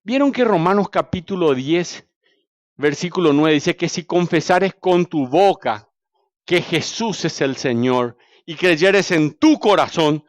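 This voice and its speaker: A man preaching with a Paraguayan accent, his voice pitched high for a man. He tells his stories with animated swings, rising loud and then dropping to a hush, and puts questions to his listeners. The sound is close and dry, with almost no room echo. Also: a little slow. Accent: Paraguayan Spanish. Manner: animated storytelling, swings from loud to hushed, asks the congregation questions. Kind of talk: sermon.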